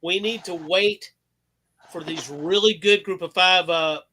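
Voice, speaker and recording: A man in his fifties hosts a loose sports chat with a sharp, bright voice that sits fairly high. He rambles, swears freely and pushes his opinions hard. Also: a little slow, slight background noise, low-quality recording. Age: 50s. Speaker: host.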